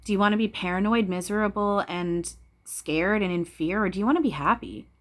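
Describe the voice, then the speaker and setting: A woman channeler gives viewers a casual spiritual talk, blunt and preachy, swearing freely and repeating phrases for emphasis. Her voice is medium-pitched and a little fast.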